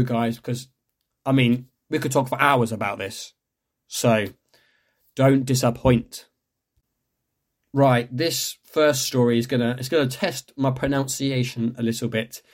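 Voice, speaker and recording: Young man, podcast host, casual rambling delivery, mid-range voice. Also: medium pitch. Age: young adult. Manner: rambling, chatty, self-correcting with many fillers. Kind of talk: casual podcast chat and local news reading.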